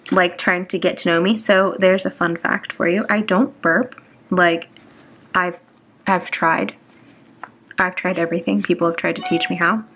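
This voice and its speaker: This planner vlogger is a young woman in her twenties from Atlanta, Georgia, with a medium-pitched, slightly bright voice. She chats while decorating a planner, rambling and self-conscious, full of ums and restarts. A little hiss or hum sits under the recording.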